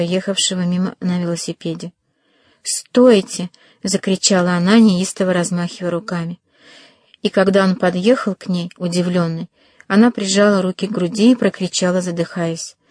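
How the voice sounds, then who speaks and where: A woman narrating an audiobook in a measured, dramatic storytelling manner. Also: fairly low pitch, darkish tone, no echo.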